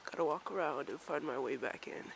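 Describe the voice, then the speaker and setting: A woman's voice: low voice, animated, brisk, gravelly, noisy background. A woman from Maryland chatting casually to her camera while walking outdoors, rambling and self-mocking, a little out of breath. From Maryland, USA. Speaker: vlogger. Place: outdoors on a snowy street. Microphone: handheld camera while walking.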